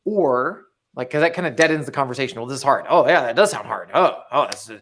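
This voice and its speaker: Animated and quick, a young man with a mid-range, fairly bright voice co-hosts a live motivational stream. He keeps things casual while enthusiastically reading the audience's chat messages out loud.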